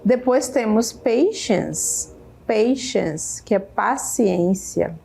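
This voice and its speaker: Brazilian woman teacher, higher voice, slow drilled repetition for students. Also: expressive, vocal fry, mellow, husky. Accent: Brazilian Portuguese. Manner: repeats each English word several times, adds "né?". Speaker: English teacher. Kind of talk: slow, careful classroom explanation. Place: state school media center studio.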